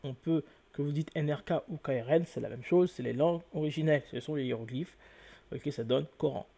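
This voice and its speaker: A man's voice: on the high side, brisk, gravelly, dark tone. A man giving an explanatory lecture to viewers, spelling out letters one by one and often correcting himself. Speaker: lecturer on word origins.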